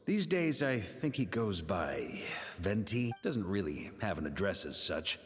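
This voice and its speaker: A man voicing an easygoing, confident knight commander who muses in a relaxed way in a video game. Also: low voice, measured pace, husky, heavily acted. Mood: casual, musing. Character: Varka, hearty easygoing middle-aged male knight commander, confident.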